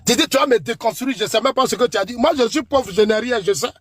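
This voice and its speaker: A man with an Ivorian French accent argues hotly in a political debate, calling out his opponent again and again and preaching warnings about God's judgment. His voice sits very high for a man and sounds husky, and the recording is dry and close. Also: quick pace, no echo. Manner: accusatory, repeatedly calling out his opponent by name; preachy warnings invoking God.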